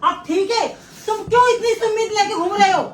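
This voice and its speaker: A woman with a very high voice scolds and teases her brother. She sounds a little away from the mic, and the room echoes. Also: a little fast, recorded from a distance. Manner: scolding, teasing. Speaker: sister. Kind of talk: emotional vlog argument. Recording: roomy, from off-mic.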